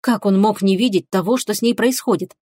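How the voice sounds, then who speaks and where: A woman narrating an audiobook in an expressive storytelling manner. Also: mid-range voice, brisk, no echo.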